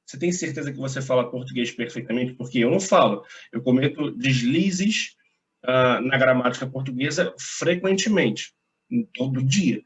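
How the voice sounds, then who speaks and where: A man's voice: medium pitch, normal speed. A young man from Brazil giving a casual video lesson as an English teacher, chatty and reassuring, with slang and frequent tag questions.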